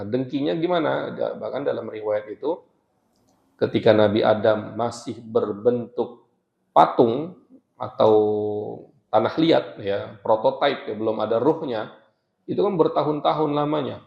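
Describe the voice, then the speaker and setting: A man's voice: medium pitch, measured pace, vocal fry, echoey room, muffled recording. A man teaching a religious study session, explaining step by step with rhetorical questions and a habit of adding "ya" after each point. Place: mosque during a retreat.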